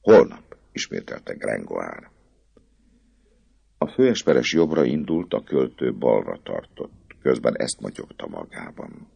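A man's voice: a bass voice, very animated, creaky, darkish tone, breathy edge, dry recording. Brief: male storyteller with a very wide-ranging delivery, dry close sound, reading a novel aloud. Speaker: audiobook narrator. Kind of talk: scripted story narration.

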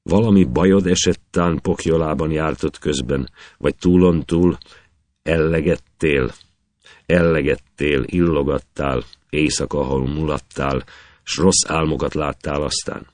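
A man's voice: a bass voice, steady tone, darkish tone, no echo. A man voicing a worried old mother who keeps questioning her son, in rhythmic epic verse. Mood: anxious.

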